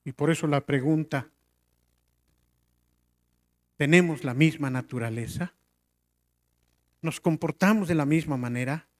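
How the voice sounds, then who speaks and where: Middle-aged pastor guy preaching, kinda high voice, gets loud then drops real quiet, lots of questions at the crowd. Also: a little slow, long pauses. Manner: swings between loud emphatic lines and quiet drops; rhetorical questions to the congregation. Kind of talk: sermon.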